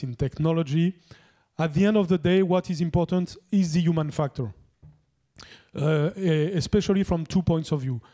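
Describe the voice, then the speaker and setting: A man's voice: a little high, warm tone. A man giving formal closing remarks at a conference, hesitant, with many fillers and restarts.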